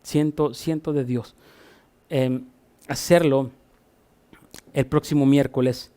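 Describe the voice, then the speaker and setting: A pastor from Honduras with a Honduran Spanish accent, preaching a sermon. He repeats key phrases and moves between forceful rising passages and quiet, low asides. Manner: swings from loud emphatic repetition to soft low asides.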